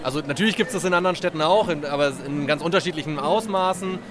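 An activist with a slightly high voice is interviewed outdoors at a street festival, talking quickly and casually with many fillers and restarts. A loud crowd surrounds him.

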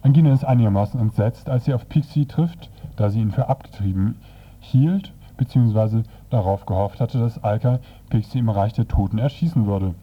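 On a dull, lo-fi radio recording, a male presenter retells a comic's story in a dry, hesitant, semi-improvised manner. His voice is husky and mid-range.

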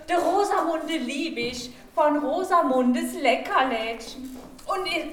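A woman playing a sweet, chatty, coaxing candy seller in improvised theatre, with a sing-song delivery. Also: high voice. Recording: very echoey room, off-mic, faint noise.

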